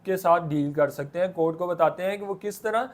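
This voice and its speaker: Speaking briskly in a voice that sits high, a law lecturer with a Pakistani accent delivers an explanatory lecture. He teaches didactically, posing questions and then answering them himself.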